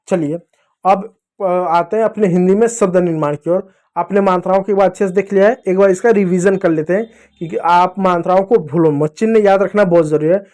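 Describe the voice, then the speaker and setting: A man's voice: sits high, a little mellow. A man teaching children in a patient way, repeating and drilling each sound as he speaks straight to them. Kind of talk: spoken children's lesson.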